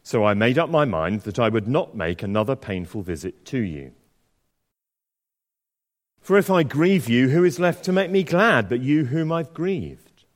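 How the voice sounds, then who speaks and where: Preaching and reading scripture in a reverberant church, this man talks in a conversational, self-deprecating way, stumbling through fillers and restarts. His slightly croaky mid-range voice swings widely in pitch, and his pace is measured.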